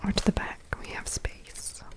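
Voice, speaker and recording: A woman whispering softly and breathily in a slow, gentle, chatty ASMR style, with crinkling packaging behind her. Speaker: ASMR video host. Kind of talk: soft-spoken whispered ASMR. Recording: close mic with crinkling plastic packaging. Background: crinkling packaging sounds.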